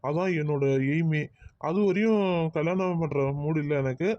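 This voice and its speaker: A man's voice: fairly high pitch, normal speed, dry recording, dull audio, lightly acted. A man voicing an exasperated young man in a cartoon who dodges talk of marriage. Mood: explaining. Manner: exasperated, groaning asides. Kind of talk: cartoon voice acting.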